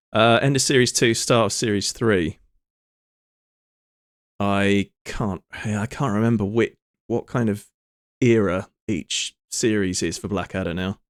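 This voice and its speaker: Low-voiced man chatting on a stream. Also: no echo, studio quality. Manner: rambling, joking asides. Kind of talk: casual live-stream commentary.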